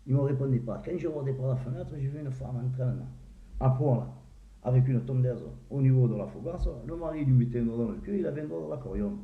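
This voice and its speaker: A man's voice: mid-range voice, fast talker. A man telling crude jokes in a casual way, acting out the characters and laughing at his own punchlines. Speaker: joke teller. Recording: echoey, tinny phone-like sound.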